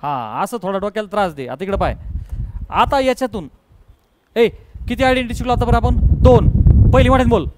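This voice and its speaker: High-voiced man drilling a math class. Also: lively intonation, a little fast, pauses often, a crowd in the background, poor audio. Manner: drills students with call-and-response questions; mixes English math terms into speech. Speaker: math teacher. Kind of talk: classroom lecture.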